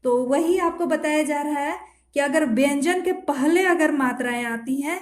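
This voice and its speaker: A woman teaching shorthand step by step, repeating each sound and quizzing the listener as she writes. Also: high-pitched. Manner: slow, repeats each sound and asks "what to read?". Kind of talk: step-by-step spoken lesson while writing. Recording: echoey room.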